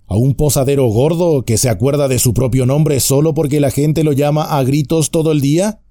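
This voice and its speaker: A man voicing a grim, weathered male ranger who speaks calmly and firmly. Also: on the high side, no room sound, studio quality, voice pushed up, close to an everyday voice. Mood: wry. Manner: calm, measured, quietly firm.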